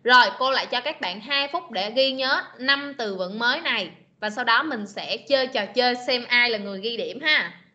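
A woman teaching an online class, patiently repeating words slowly to model pronunciation. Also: on the high side, pushed and bright. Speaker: English teacher. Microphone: video call. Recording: lo-fi video meeting recording.

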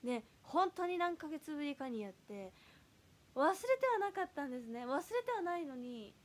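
A woman in her early twenties hosting a casual livestream, chatting and reading fan comments aloud, her voice flipping upward when she gets loud. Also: high-pitched, big pitch swings, moderate pace. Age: early 20s. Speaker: idol livestream host.

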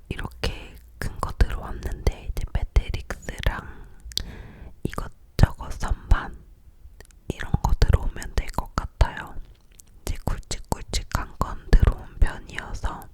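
A young woman leaning in close to the microphone to whisper, giving a breathy, unvoiced ASMR chat about her life. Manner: slowly repeats words as soft trigger sounds. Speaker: ASMR video creator.

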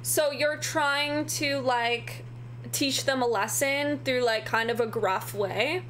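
A woman's voice: sits high, takes it slowly, a bit bright, slight background noise. A young woman streamer chatting on a dating show in a laid-back, hesitant way, with many fillers. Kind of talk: casual stream chat. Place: gaming room at home.

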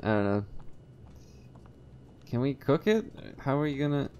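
A man's voice: big pitch swings, a little slow, a little mellow. A young man giving casual, playful playthrough commentary, repeating words in a sing-song way. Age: young adult. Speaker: gaming video host. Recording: faint noise with low rumble.

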